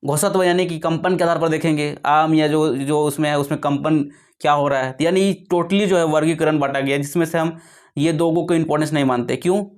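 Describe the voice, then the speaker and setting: Speaking a little loudly in a steady, higher-pitched voice, a man runs through a lesson at a slow pace. He repeats every point many times, breaks off to fix his own wording, and answers the questions he asks.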